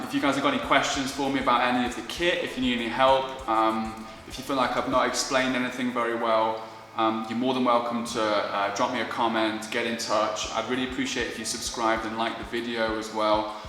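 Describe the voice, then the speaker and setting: A man's voice: mid-range voice, sharp tone. A man talking casually and informally about his gear in a vlog, self-deprecating, recorded in a very echoey indoor space. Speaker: wedding photographer presenting his gear. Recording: very echoey, reverberant room, faint music.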